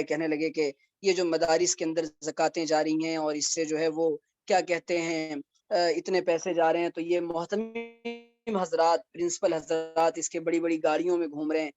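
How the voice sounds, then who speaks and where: A man's voice: a little high, darkish tone, no echo, muffled recording. Dry-voiced man teaching a religious lecture. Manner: conversational, with wry asides and rhetorical questions. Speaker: mufti teaching Islamic law.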